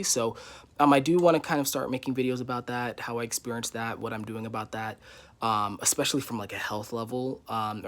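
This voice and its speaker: A man in his twenties giving a casual, candid vlog update from his living room, rambling with many fillers. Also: medium pitch. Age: 20s. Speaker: YouTuber.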